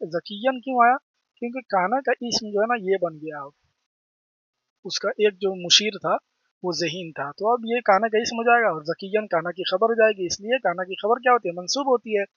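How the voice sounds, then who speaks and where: High-voiced man teaching Arabic grammar. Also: moderate pace, a bit bright, no echo, muffled recording. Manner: repeats terms, asks and answers own questions. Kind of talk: explaining grammar lesson.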